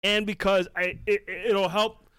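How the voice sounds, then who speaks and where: A man hosting a casual livestream, excitable and quick to swear. His voice sits a little high. The sound is dry and close, with no room around it. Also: clear, resonant tone, dry recording. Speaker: show host.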